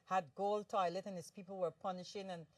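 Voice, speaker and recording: A woman's voice: mid-range voice, flat delivery, brisk, dry recording. A woman from Guyana, hosting a conversational interview in a chatty way and often finishing her guest's sentences. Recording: distant mic, dry sound.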